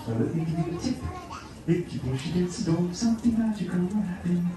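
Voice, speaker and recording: A man's voice: high-pitched, expressive, a little fast. A man, middle-aged, giving a comic welcome spiel as an attraction host, with a playful, theatrical, singsong delivery. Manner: playful singsong baby-talk phrasing, theatrical. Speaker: theme park attraction host. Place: large dim indoor theater with seated audience. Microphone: distant audience camera. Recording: echoey noisy room, distant mic, crowd. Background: crowd noise.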